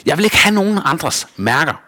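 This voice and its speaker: A man's voice: a little high, big pitch swings, pushed and bright, long reverb tail, pitched above the performer's own voice, heavily acted. A man voicing a small, insecure wooden boy doll who stammers and hesitates. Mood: wistful.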